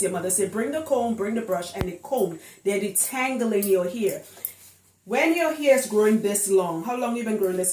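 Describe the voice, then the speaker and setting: A locs hairstylist from Trinidad gives a casual, chatty explainer to camera, emphatic and fond of rhetorical questions. Her voice is medium in pitch with a darkish tone. The indoor sound is roomy and echoing.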